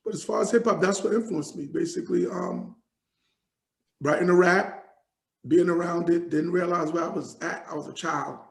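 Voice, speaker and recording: Gravelly New man, rambling. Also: sits high, moderate pace, echoey room, poor audio. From Jamaica, raised in New York. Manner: rambling, many fillers and restarts. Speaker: hip hop artist, guest. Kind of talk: casual interview talk.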